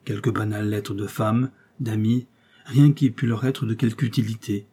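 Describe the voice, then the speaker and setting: A man reading a novel aloud in measured, steady scripted narration. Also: on the low side, husky. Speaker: audiobook reader.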